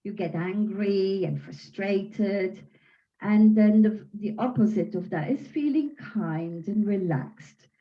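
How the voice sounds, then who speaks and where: A woman teaching qi gong at home, guiding a breathing session in a gentle, soothing, unhurried way. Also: mid-range voice, muffled recording.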